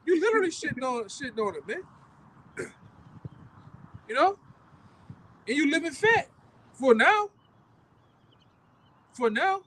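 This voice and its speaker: A man, street preaching outdoors in a forceful, repetitive, profane way that keeps ending phrases with "man". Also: very high-pitched, big pitch swings, measured pace, long pauses, rough recording. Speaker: street preacher leading the camp.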